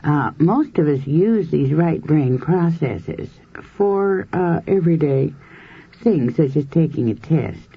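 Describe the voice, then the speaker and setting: A husky-voiced woman lectures a group in a measured, explanatory way, building her points from everyday examples. The sound is dull and lo-fi, like a 1970s tape recording. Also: low-pitched, animated. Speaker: hypnosis and past-life researcher lecturing.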